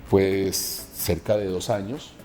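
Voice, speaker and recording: With a deep voice and a slow delivery trailed by long reverb, a pastor from Colombia relates his personal testimony, voicing the dialogue with animation.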